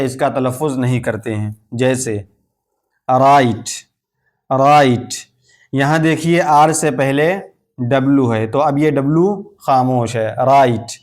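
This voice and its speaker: A man teaching English pronunciation rules in a slow, methodical classroom style, saying each example word twice before explaining it. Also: a little high. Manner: uses Urdu-flavored terms for rules and letters.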